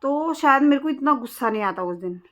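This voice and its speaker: A woman's voice: high-pitched, expressive, a little fast. A woman vlogger telling a personal story in a blunt, aggrieved way, in casual vlog talk. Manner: blunt, aggrieved recounting of a quarrel. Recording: dull lo-fi sound.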